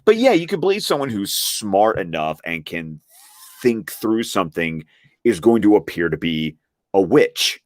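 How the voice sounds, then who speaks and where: A man's voice: lowish voice, sing-song, unhurried, dry recording. A man discussing a novel in casual conversation, explaining with enthusiasm and correcting himself as he goes. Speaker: guest.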